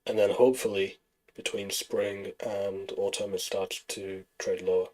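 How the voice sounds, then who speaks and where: A man with a low voice streams his trading session live. He walks through chart setups and answers chat in a relaxed, explanatory way, thinking aloud as he goes. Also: a little slow, low-quality recording.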